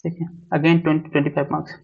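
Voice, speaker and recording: Man with a flat, repetitive teaching voice. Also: on the high side, quick pace, creaky, slightly rough, muffled recording. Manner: repeats each point, mixing English syllabus terms into Hindi. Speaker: exam coaching teacher. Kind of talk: syllabus walkthrough lecture.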